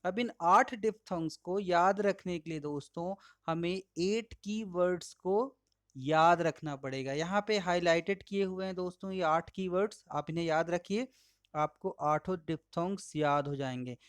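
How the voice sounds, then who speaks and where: A male pronunciation teacher with an Indian English accent and Hindi as his first language, slowly and patiently modeling each word aloud while explaining slides. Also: sits high, a bit bright, clear, resonant tone, no echo. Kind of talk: slide-based lesson.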